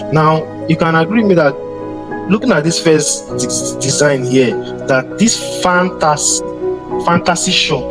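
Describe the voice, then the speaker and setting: Male instructor, slightly high voice, halting lecture, music bed loud under him. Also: rough recording. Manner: repeats words and restarts, addresses students directly. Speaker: design instructor. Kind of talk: classroom lecture on slides. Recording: voice over strong background music.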